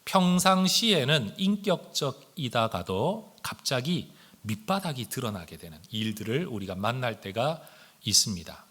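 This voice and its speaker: A male pastor with a medium-pitched, fairly bright voice delivers a Sunday sermon earnestly, putting rhetorical questions to his congregation. His Korean is standard, though regional intonation creeps in when he speaks fast.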